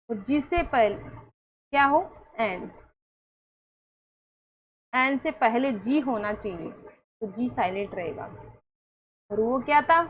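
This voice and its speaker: A woman's voice: on the high side, husky. A woman teaching English pronunciation rules in a patient classroom manner, repeating each rule and often asking whether her students have understood. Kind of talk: classroom lesson.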